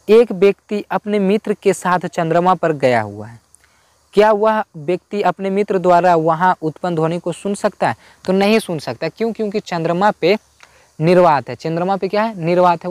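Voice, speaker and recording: A man with a fairly high, darkish voice explains homework answers in a school physics lesson, speaking informal Hindi with no room sound. He's repetitive, going over key points and posing questions to himself before answering them.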